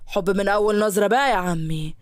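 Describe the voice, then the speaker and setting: A boastful, joking young Egyptian man, voiced by a woman in a storybook tale. She drops well below her own pitch and rattles along quickly and pushily. The recording is dry and close. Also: no echo, natural voice. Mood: pushy. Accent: Egyptian Arabic. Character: cocky, playful young man, a doctor.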